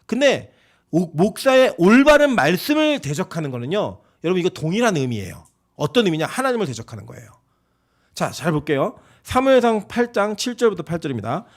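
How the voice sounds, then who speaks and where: A man's voice: high voice, sing-song, brisk. A man preaching a sermon as pastor, emphatic and conversational, often asking the congregation rhetorical questions.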